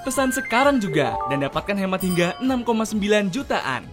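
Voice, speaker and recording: A woman reading a scripted infomercial voice-over as a promotional sales pitch. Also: big pitch swings, fairly quick. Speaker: commercial announcer. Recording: music under the voice. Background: loud music.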